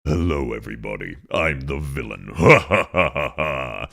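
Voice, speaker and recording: A man voicing a gloating villain in a very deep, slow, theatrical voice. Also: expressive, vocal fry, sharp tone, heavily acted.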